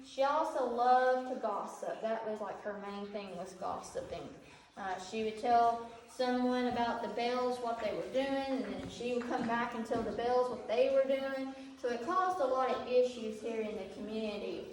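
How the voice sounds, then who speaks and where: Woman, cave tour guide, cave echo, a bit high, mic far off. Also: normal speed. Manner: relaxed, filler-heavy storytelling. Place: inside a cave. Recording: echoey cave, distant mic, faint hiss.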